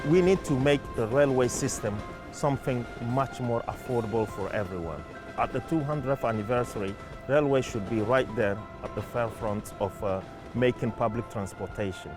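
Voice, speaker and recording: With a mid-range voice heard over music, a French-speaking man gives a documentary interview as a community campaigner, sounding earnest, thoughtful and measured.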